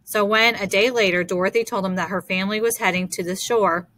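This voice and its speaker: Female audiobook narrator, bright, dry close read, measured. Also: medium pitch, steady tone, dry recording. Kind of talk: scripted narration.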